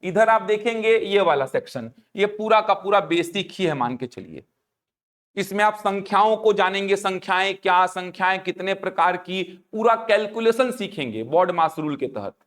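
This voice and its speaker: High-voiced male teacher. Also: expressive, moderate pace, a bit bright. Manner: explanatory, often checks if students follow. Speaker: exam coaching teacher. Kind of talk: classroom lecture walking through a syllabus.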